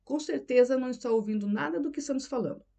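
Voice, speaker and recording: A woman narrator voices a tense, insistent husband who keeps pressing his wife with accusing questions. The voice sits fairly high and sounds mellow and warm. It comes across as audiobook character reading. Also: quick pace, gravelly. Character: tense, pressing married man, middle-aged.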